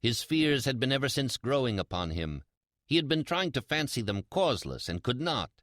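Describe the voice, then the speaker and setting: A man playing a sly, mad, gloating murderer in a theatrical, deliberate dramatic reading of a Gothic horror story. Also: mid-range voice, very animated, a bit bright, no room sound, clean studio sound, pitched above the performer's own voice. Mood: sinister, hushed. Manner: theatrical, deliberate, drawn-out emphatic repetitions. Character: mad, gloating, sly male murderer confessing his crime.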